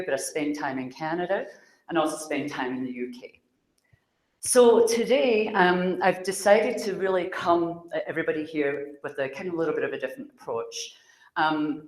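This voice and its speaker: A woman from Glasgow with a Scottish accent, giving a chatty talk to an audience as a psychic speaker, speaking loudly and laughing often. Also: sits low, roomy sound. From Scotland.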